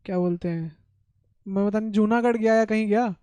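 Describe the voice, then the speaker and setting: A young man with an Indian accent, co-hosting a casual podcast chat, excitable and quick to laugh. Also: sits high, clear, resonant tone, dry recording. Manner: excitable, laughs often, switches between Hindi and English. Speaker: podcast co-host.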